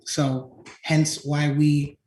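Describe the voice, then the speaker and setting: A tech company founder presents his company in a conference talk at a design event, speaking very slowly with a flat, fairly high, slightly mellow voice. He often ends points asking "right?". The room echoes, with a little hiss or hum.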